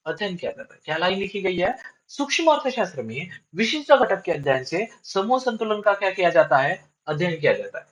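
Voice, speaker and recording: Man, teacher, classroom lecture, swooping up-and-down pitch, asks questions and answers them himself. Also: low-quality recording. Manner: repeats key lines for students; lively up-and-down pitch.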